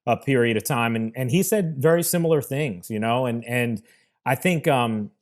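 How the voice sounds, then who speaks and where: A man's voice: mid-range voice, normal speed. A man hosting a podcast, framing a question with many hesitations and fillers. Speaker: podcast host. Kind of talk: podcast interview.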